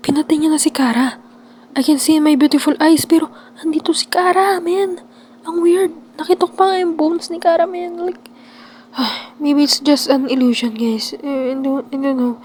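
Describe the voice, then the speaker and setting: A young woman vlogger narrating a horror game role-play, excitable, with sudden screams and quiet asides. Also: sits high, normal speed, a little hiss or hum.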